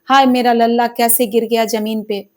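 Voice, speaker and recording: A woman's voice: a little high, flat delivery, moderate pace, darkish tone, natural voice. A woman voicing a frail, devout old grandmother who wails and quavers in a storybook tale. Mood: wailing. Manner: wailing, quavering.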